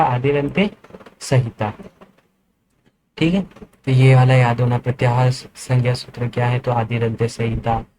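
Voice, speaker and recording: A man's voice: a little high, a little mellow, slight background noise, rough recording. A man lecturing as a teacher, explaining step by step and answering his own questions. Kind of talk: classroom lecture.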